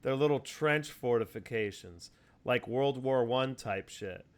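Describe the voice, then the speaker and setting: A man talking casually over a video call, walking his listener through a topic in long, wandering explanations. His voice is smooth and resonant at an ordinary middle pitch, full of "uh"s, "like"s and false starts. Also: a little slow. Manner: rambling, explanatory, many fillers and restarts. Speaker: host. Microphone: video call mic.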